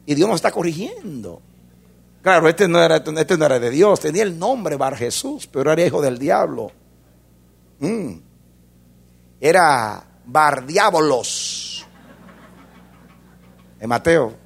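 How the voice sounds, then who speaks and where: Gravelly-voiced preacher with lively swings. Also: male voice, a little high, normal speed. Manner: preaching with wide swings from loud fervor to hushed intensity. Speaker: pastor. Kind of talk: sermon.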